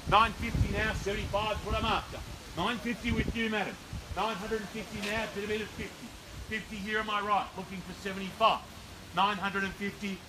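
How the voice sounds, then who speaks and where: A man's voice: high voice, background noise. A middle-aged Australian man calling a live property auction outdoors, delivering persuasive sales patter and rhythmic bid calls. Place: outdoors on a suburban front driveway. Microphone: far camera, no visible mic.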